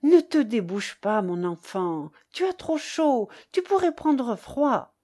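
A woman doing a gentle, soothing mother. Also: fairly high pitch, sing-song, takes it slowly, voice pushed up, exaggerated voice. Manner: soft, coaxing.

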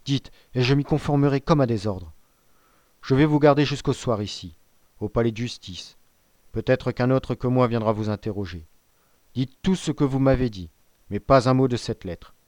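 A man's voice: mid-range voice, moderate pace, darkish tone, dry recording, natural voice. A man playing a stern, anxious magistrate in a storybook reading, commanding and tense, hiding a secret behind firm orders. His mid-range voice sits close to the mic in a dry, dead-sounding recording. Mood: urging. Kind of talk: audiobook character voice.

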